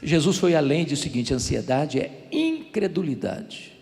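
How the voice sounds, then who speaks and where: An older Brazilian man preaches in a church with a long, ringing reverb. His voice sits high for a man and swings widely in pitch, with a gravelly edge, as he tells stories animatedly and drives his points home emphatically. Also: normal speed. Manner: animated storytelling, emphatic preaching that builds to loud climaxes. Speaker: pastor. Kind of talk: sermon.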